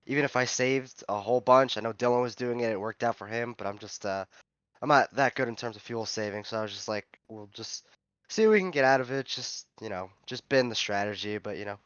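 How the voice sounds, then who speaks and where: A man's voice: lowish voice, fairly bright tone, clean tone, no room sound. A man speaking as a sim racing driver after the race, candid and resigned, on dull lo-fi audio. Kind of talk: post-race interview. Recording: dry, dull lo-fi mic audio.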